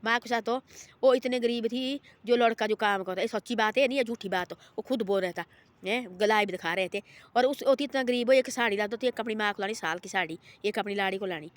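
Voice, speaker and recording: A woman with a slightly high voice, speaking a little fast, tells an informal moral story. She rambles, repeats herself, and voices the people in the tale.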